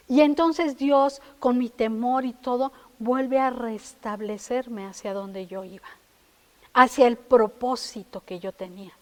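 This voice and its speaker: A woman preaching a sermon. She tells stories and keeps asking her listeners questions. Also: sits high. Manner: storytelling, addresses listeners with questions.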